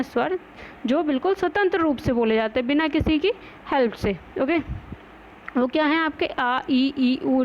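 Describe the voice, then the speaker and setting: High-voiced woman teaching grammar. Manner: asks questions and answers them herself, mixing in English words. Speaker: Hindi teacher. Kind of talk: grammar lesson. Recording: dull lo-fi recording with faint noise.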